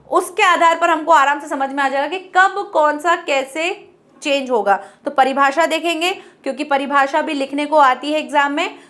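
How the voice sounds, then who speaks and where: Woman, high voice, grammar teacher, asks and answers her own questions, stretches out key terms. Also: fairly bright tone. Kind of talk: classroom lesson.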